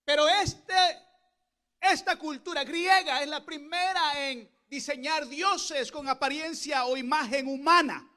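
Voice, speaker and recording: Male pastor, unusually high and bright tone, preaches with passion and frequent shouted peaks. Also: measured pace. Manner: impassioned, rising to shouted exclamations. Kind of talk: Pentecostal sermon. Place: church service.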